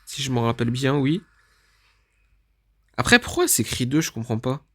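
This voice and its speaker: A man's voice: medium pitch, very animated, moderate pace, bright, forceful tone. A man giving casual let's-play commentary, thinking aloud as he reads through menus and often admits he is unsure what things mean. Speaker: gaming video creator.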